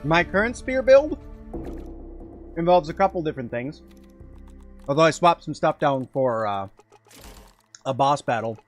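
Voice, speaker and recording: A man chats away as he plays a game on a live stream, reading and answering his viewers' questions as he goes. His voice sits a bit high for a man, and faint music plays underneath. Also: lively intonation, measured pace, pauses often. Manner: chatty, answers chat while playing. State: eating while talking at times. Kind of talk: casual live game commentary.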